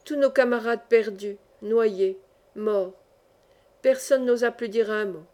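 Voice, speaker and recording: A woman narrating a classic novel as an audiobook reader, in measured storytelling. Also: a little high, darkish tone. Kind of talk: reading a classic novel aloud.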